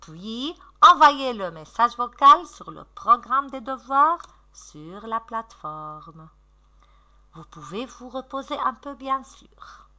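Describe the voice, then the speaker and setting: A woman teacher recording a lesson for young children, slow, sing-song and encouraging, stretching out her words. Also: a little high, sing-song, bright, forceful tone.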